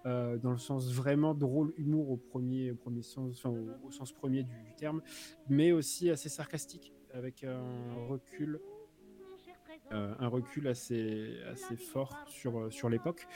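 A man's voice: medium pitch, moderate pace, dark tone, faint music behind. A man from France chatting casually on a live stream, reviewing a comic book with lots of fillers and restarts. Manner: rambling, many fillers and restarts. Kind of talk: casual joking chat.

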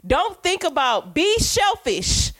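A woman's voice: very high-pitched, very animated, takes it slowly, a bit bright, no room sound. A young woman co-hosting a podcast, casual chat, blunt and teasing with lots of slang. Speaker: podcast co-host.

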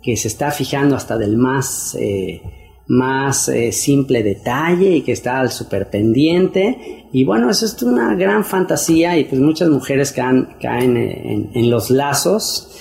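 A man's voice: expressive, a little slow, gravelly, darkish tone. A man giving a casual sermon to wives, talking conversationally with many fillers and repeated words. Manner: acts out quoted wives in a higher voice. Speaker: preacher.

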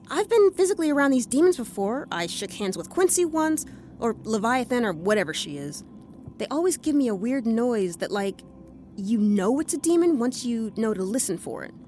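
Earnest young woman who senses demons, actress playing her, high lively voice, swings up and down. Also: a little hiss or hum. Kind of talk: audio drama acting.

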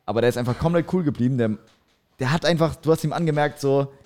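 A man's voice: medium pitch, quick pace, a little mellow. Man, podcast co-host, casual storyteller, laughs often, average voice. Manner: laughing storyteller, crude slang.

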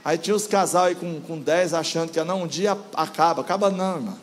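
Older preacher guy, high voice, chatty and joking with the church. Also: fast talker. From Brazil. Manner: conversational, asks the congregation questions, playful. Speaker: guest preacher. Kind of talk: sermon.

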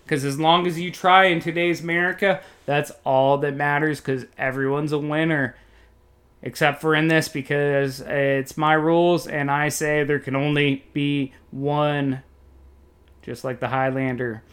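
A man doing joking, excitable, folksy play-by-play commentary on a football video game. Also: on the high side. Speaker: play-by-play announcer.

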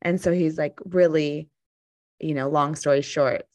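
A woman in her thirties co-hosting a podcast, chatting casually and telling animated stories. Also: sits low, unhurried, no echo. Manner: chatty storyteller, animated when amused. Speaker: podcast co-host. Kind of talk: casual chat.

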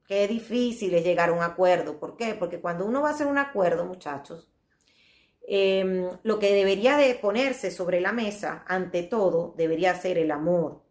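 A woman talking in a casual, reflective monologue, repeating her phrases and addressing her listeners directly. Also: medium pitch. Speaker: podcast host. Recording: roomy echo.

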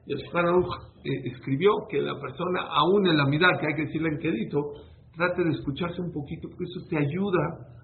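A man's voice: a little high, steady tone, brisk, gravelly. Man teaching a religious class over a tinny line. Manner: conversational, storytelling, answers listeners' questions. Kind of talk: informal religious lesson. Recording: tinny phone-like sound with faint noise.

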